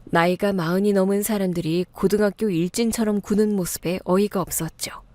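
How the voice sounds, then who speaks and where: Woman, scripted story narration, steady low-key delivery, mid pitch, dry close sound. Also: a little fast, dry recording.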